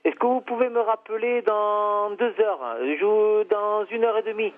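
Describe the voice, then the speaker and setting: A man's voice: sits high, a little slow. A man answering the phone at a hair salon, curt and exasperated. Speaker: hairdresser's husband answering the phone. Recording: tinny phone line.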